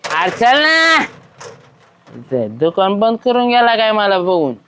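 A man playing a tipsy, quarrelsome village man who dodges a debt, with a loud, bickering manner. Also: sits high, huge pitch swings, slow, a little hiss or hum, exaggerated voice. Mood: shouting. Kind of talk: village comedy web series.

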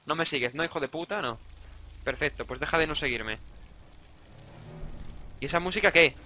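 A man's voice: on the high side, normal speed, sharp tone, a little hiss or hum. A young man from Spain with a Spanish accent, commentating a horror game he plays, swearing a lot and jumping between jokes and startled outbursts. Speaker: gaming YouTuber.

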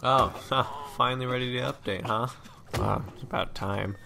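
A man's voice: medium pitch, fairly even intonation, moderate pace, creaky. A young man joking through a casual let's-play commentary as a gaming YouTuber. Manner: goofy, playful, joking. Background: game audio.

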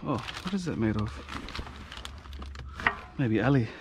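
Slow-talking man muttering over loud background noise. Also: medium pitch, lively intonation. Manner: short fragmented remarks, often talking to himself. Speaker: vlogger collecting curbside throwaways. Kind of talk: casual muttered commentary while rummaging. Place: outdoors on a street curb. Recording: clear background noise, clicking and clatter.

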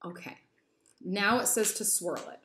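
A woman's voice: mid-range voice, a little slow, a bit bright, slight background noise. A young woman chatting through a toy unboxing, giddy and rambling with lots of little asides. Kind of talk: casual unboxing chat. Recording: echoey room.

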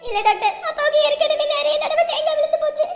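A woman playing a hysterical young daughter who wails and pleads loudly, in a comedy sketch recorded in an echoey room. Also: very high voice, fast talker, vocal fry, over music, pitched above the performer's own voice. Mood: hysterical pleading. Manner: loud, wailing, panicky pleading. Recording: echoey room with long reverb.

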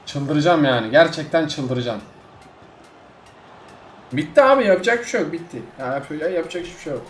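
A young man giving live gameplay commentary, exasperated and swinging between loud outbursts and low grumbling. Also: animated, fast talker, slight background noise. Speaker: gaming streamer. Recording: echoey room with game music behind.

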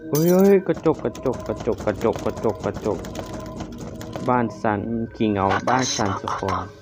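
A man's voice: mid-range voice, animated, normal speed. A man doing casual commentary on a horror game as he plays, jumpy, exclaiming often and swearing freely. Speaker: game streamer. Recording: somewhat dull lo-fi audio with loud game music. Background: horror game music and sound effects.

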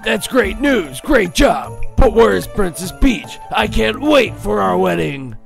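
An actor in an animated fan dub playing a huge, lovesick, bossy turtle-monster king in a theatrical, blustering way. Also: mid-range voice, measured pace, creaky, faint music behind, exaggerated voice. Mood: pleased.

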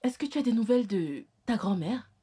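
A woman's voice: on the high side, lively intonation, a little fast, warm tone, husky. A middle-aged woman voicing a motherly caregiver who talks soothingly and reassuringly, in a French film dub. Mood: gentle.

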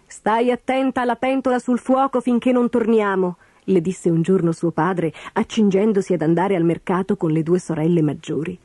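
A woman narrating a children's fairy tale in an expressive, lively storytelling manner. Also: mid-range voice, slightly rough, no room sound, clean studio sound. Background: background music.

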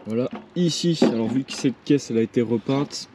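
A man's voice: mid-range voice, a little fast. Hesitant man, noisy recording. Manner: hesitant, many fillers and restarts. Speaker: militaria collector. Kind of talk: casual show-and-tell vlog. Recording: clear background noise with clicks.

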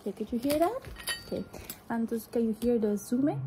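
Young woman doing fast ASMR role-play asmr as a doctor, high soft voice, repeats short phrases, noisy close mic w clicks. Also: lively intonation. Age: young adult. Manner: hurried, repetitive soft murmuring of short phrases. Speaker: ASMR performer playing an examining doctor. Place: indoors, small room at home.

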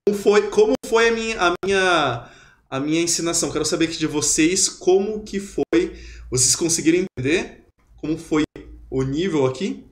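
A man giving a lively, chatty webinar lesson and drilling pronunciation. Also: a little high, normal speed. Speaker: German teacher. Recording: roomy echo.

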